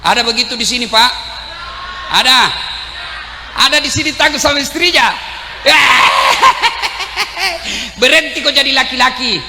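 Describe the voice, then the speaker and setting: A male preacher giving a humorous, animated sermon to a crowd, shouting and joking. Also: extremely high pitch, unhurried, pauses often, noisy background. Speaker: Islamic preacher. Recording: echoey hall, faint ambience.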